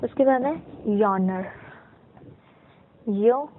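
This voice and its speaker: Slow, patient woman shorthand teacher. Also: on the high side, steady tone, slight background noise. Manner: slow and patient, checks in with "ठीक है"; mixes Hindi with English terms. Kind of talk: step-by-step lesson. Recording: tinny narrow-band audio.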